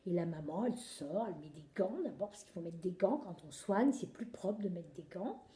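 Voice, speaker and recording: A woman telling an improvised children's story in an animated, expressive way, sometimes searching for words. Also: fairly low pitch, normal speed. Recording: echoey room.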